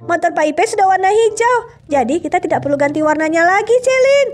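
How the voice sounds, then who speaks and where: A woman's voice: very high-pitched, animated, fast. A woman voicing a cheerful young boy who leads the game, eager and a little bossy.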